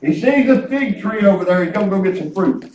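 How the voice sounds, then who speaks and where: Male preacher, fifties, rural Southern US twang, very high voice, excitable folksy storyteller; echoey room. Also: a little fast, slight background noise. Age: 50s. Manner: excitable, colloquial, chuckles through anecdotes. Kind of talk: folksy, rambling sermon with storytelling. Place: church hall with responding congregation. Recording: echoey church room, distant microphone.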